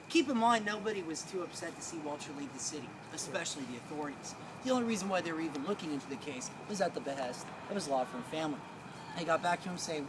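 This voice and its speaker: A man working as a ghost tour guide, telling stories theatrically to a live group in a colloquial, wry way. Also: sits high. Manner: colloquial, wry, acts out dialogue. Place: outdoors on a city street. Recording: outdoor street noise with traffic.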